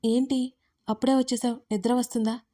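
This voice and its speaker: A woman narrator voicing a gentle, affectionate young woman in a storybook, speaking softly and coaxingly. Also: on the high side, level tone, fairly quick, lightly acted. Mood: tender.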